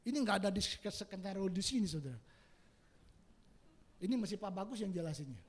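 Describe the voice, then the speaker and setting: A male preacher giving a sermon to a congregation, swinging from loud emphatic shouts down to quiet, folksy asides with chuckles. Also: lively intonation, a little fast. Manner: rises to loud emphatic shouts, then drops low.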